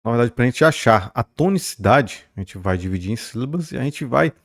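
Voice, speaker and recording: A man's voice: mid-range voice, lively intonation, fairly quick. A man teaching a recorded grammar lesson, checking in often with his students and drawing out stressed syllables to model words. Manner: explanatory, checks in often with "beleza?" and "né?".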